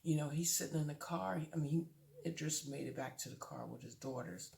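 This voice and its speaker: A middle-aged woman vlogger casually retelling a movie plot, full of fillers and animated asides. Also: low-pitched, fairly quick, vocal fry. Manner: animated storytelling with many fillers.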